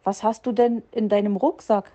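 A woman's voice: mid-range voice, steady tone, normal speed, mellow, lo-fi sound, close to an everyday voice. A woman voicing a grumpy, nervous male fox uncle who blusters and stammers out excuses. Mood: blustering. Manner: gruff, blustering, flustered excuses.

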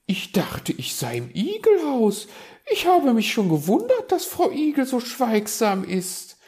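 A fussy magpie lady from a children's audio story. She chatters shrill and high, fluttering up and down in pitch. She sounds flustered and quick to take offence. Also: wildly swooping pitch, a little mellow. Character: fussy, nosy female magpie.

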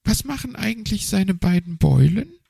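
A man voicing a fussy, prim female magpie in a storybook reading, pitched high and shrill. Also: lively intonation, normal speed, creaky, mellow, breathy edge, dry recording, exaggerated voice. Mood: chatty. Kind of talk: audiobook character voice.

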